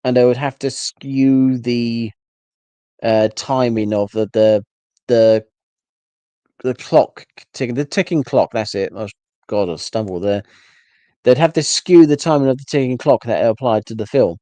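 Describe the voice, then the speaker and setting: A man's voice: medium pitch, fairly even intonation, moderate pace, warm tone, no echo. A man hosting a casual solo rant, rambling with frequent restarts and exasperated asides. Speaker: solo livestream host.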